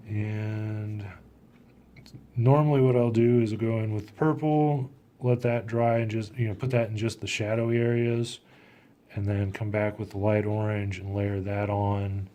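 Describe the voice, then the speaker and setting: Man, watercolor demo, thinking aloud, hesitant, lowish pitch, warm mellow tone. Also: slight background noise. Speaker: watercolor artist. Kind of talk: casual painting demonstration.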